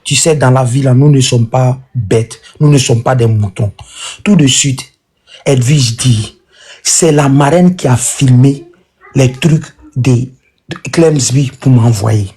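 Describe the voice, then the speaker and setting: Husky guy on a live panel, polite, takes his time. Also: mid-range voice, dark tone. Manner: polite, deliberate, asking for the floor. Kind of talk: live-stream discussion.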